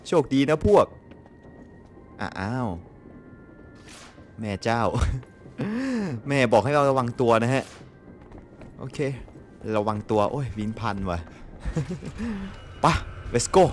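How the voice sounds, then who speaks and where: A young man with a Thai accent giving excitable gameplay commentary. He laughs often and swears mildly. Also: mid-range voice, drawn-out words, long pauses, faint music behind. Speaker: gameplay streamer. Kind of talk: casual let's-play commentary.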